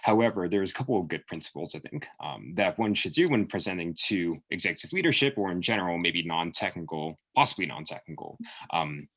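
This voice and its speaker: Fast-talking, low-voiced man in a job interview. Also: lively intonation, fairly bright tone. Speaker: candidate in a mock job interview. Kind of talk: explanatory interview answers.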